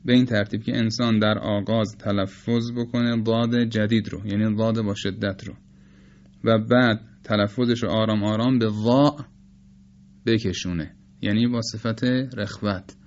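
A man with Persian as his first language, teaching the pronunciation of letters in a measured, explanatory lecture and slowly demonstrating sounds. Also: lowish voice, fairly even intonation, darkish tone, lo-fi sound. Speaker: teacher of Quranic recitation. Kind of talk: spoken lecture on phonetics.

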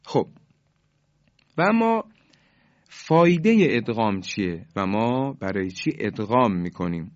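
A man teaching Quran recitation on the radio, explaining each rule and slowing down to model the recited examples. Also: on the low side, animated, no echo, muffled recording.

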